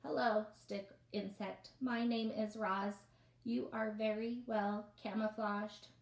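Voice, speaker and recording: Give me a woman playing a calm, formal storybook robot, speaking slowly in a roomy space. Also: medium pitch. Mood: polite, curious. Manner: stiff, even robotic delivery.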